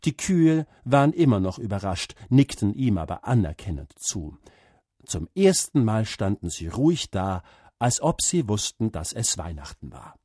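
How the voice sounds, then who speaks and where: A man reading a story aloud, slow and expressive. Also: lowish voice, breathy edge, dry recording, studio quality. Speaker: narrator.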